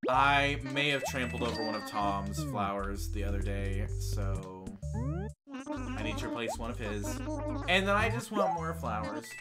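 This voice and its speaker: A man's voice: medium pitch, sing-song, measured pace. A young man with a tongue piercing chats casually while streaming a game, rambling, self-deprecating and tripping over his words. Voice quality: talks around a tongue piercing. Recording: music playing behind the voice. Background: loud music.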